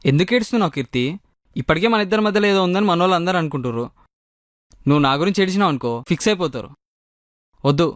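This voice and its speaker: A man's voice: sits high, lively intonation, rapid-fire, pauses often, dry recording. A young man with a Telangana Telugu accent, playing a friend in a comedy sketch, with a wry, self-deprecating manner.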